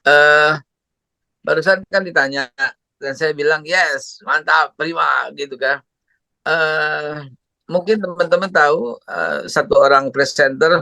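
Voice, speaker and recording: A man's voice: a little high, sharp tone, dry recording. A man who preaches a parenting talk and tells stories animatedly, acting out voices. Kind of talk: religious parenting talk with storytelling.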